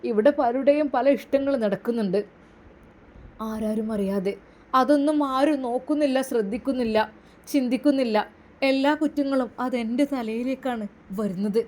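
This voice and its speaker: Woman voicing high-voiced young bride, bitter and defiant. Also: moderate pace, darkish tone, close to an everyday voice.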